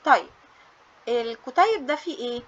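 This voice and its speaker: Speaking at a normal pace with lively intonation, this woman has a slightly high, fairly bright voice captured in dull audio. An English teacher with an Egyptian Arabic accent, she cheerfully coaxes pupils through a booklet review, weaving English terms into her Arabic.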